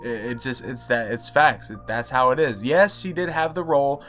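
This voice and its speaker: Young man, gaming YouTuber, casual commentary, passionate rant, mid pitch, faint background music. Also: normal speed. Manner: passionate, ranting, swings loud and high when annoyed. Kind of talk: casual video-game commentary.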